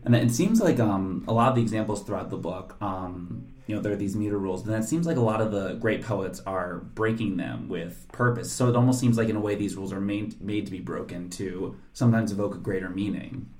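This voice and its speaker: Low-voiced man in a roomy space. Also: fairly quick, hardly any pauses, darkish tone. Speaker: interviewer host. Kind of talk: conversational interview.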